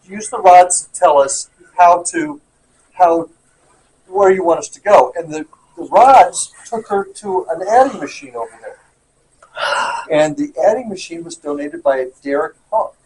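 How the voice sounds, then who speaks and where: A man's voice: on the high side, expressive, measured pace, darkish tone, poor audio. A man in casual group talk, explaining an experiment to others and asking questions. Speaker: paranormal investigator.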